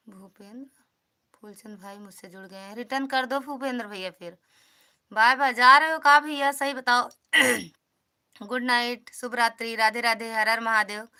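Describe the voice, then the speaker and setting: A woman's voice: on the high side, bright, forceful tone, smooth. A woman with an Awadhi accent hosting a casual live stream, greeting viewers by name and asking them to support each other. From Uttar Pradesh, India. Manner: chatty, greets commenters by name, calls for support and returns.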